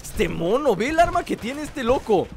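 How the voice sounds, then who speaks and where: A man's voice: very high voice, sing-song, normal speed, creaky. A man with a Mexican accent giving casual let's play commentary, playful and rambling as he plays. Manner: playful, rambling to himself and viewers. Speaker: gaming host. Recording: game noise behind the voice. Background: video game ambience.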